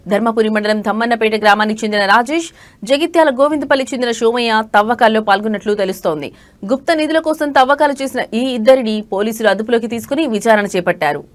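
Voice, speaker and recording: A woman reading a news report as the anchor, in a brisk, even newsreader manner. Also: a little high.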